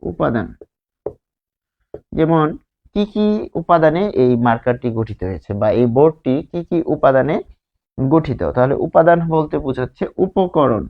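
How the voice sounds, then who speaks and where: A man with a Bangladeshi Bengali accent teaches grammar at a whiteboard, explaining slowly with repeated words and rhetorical questions. His fairly high voice carries vocal fry, and the dull audio has slight background noise.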